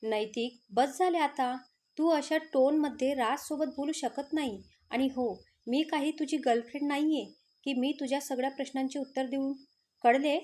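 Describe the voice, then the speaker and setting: A woman's voice: high-pitched, unhurried, a little mellow. A woman voicing a spirited, outspoken young female student. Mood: lively.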